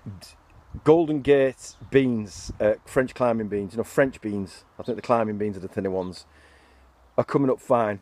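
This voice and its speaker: A man's voice: mid-range voice, a little mellow. Man, middle-aged, casual allotment vlog, chatty and rambling, a bit out of breath, recorded outdoors on a phone. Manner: chatty, rambling, mild swearing. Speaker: allotment vlogger. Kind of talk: casual garden tour vlog.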